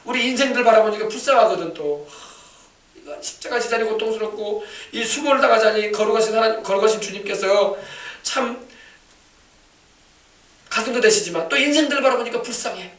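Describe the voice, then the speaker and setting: A man's voice: extremely high pitch, a bit bright. A male pastor preaching a sermon with passion and often calling out for an amen. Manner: impassioned preaching, calls for amens. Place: church sanctuary. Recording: echoey church from a distance.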